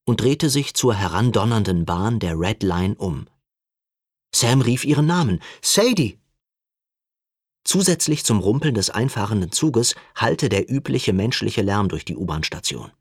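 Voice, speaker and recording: A low-voiced man narrates an audiobook, his pitch moving widely and expressively through the sentences. The recording is close and dry, with no room sound. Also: expressive, measured pace, no echo. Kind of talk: scripted narration.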